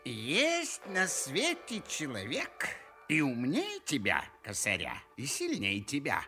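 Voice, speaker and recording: Old hermit seer, slow, very sharp tone, ominous, fairy-tale character. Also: male voice, mid-range voice, wildly swooping pitch, faint music behind, full character voice. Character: thin grey old hermit stargazer, ominous prophet. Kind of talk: audio fairy-tale acting.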